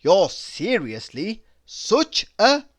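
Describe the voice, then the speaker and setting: Someone reads humorous motivational quotes aloud at an extremely slow pace, playing them tongue-in-cheek. The delivery is dramatic and deliberate, swinging lively in pitch with clear pauses between phrases.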